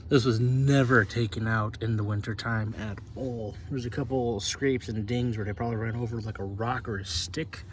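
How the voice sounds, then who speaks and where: A man's voice: medium pitch, steady tone, moderate pace, hardly any pauses, a little hiss or hum. A man giving casual, rambling how-to commentary on his own repair job, with loose, self-deprecating asides. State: out of breath. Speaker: channel host.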